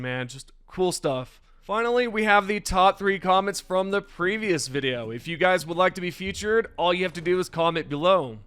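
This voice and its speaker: A gaming channel host delivers casual gaming news commentary over gameplay. His voice is slightly raspy, a little high and a bit bright, and he sounds enthusiastic and chatty, talking straight to his viewers.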